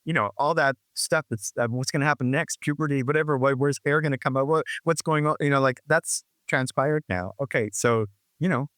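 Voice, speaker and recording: Here the sixties-aged guest musician again rambles reflectively, restarting often and leaning on "you know, like." The voice sits mid-pitch, a bit bright and fairly quick, in a dry, close recording with no room sound.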